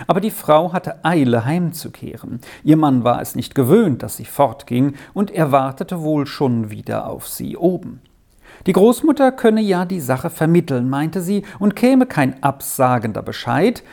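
A reader narrating a children's story in a gentle, measured way. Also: mid-range voice, vocal fry. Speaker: audiobook reader.

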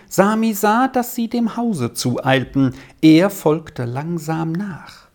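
Lively storybook narrator. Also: mid-range voice. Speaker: audiobook reader.

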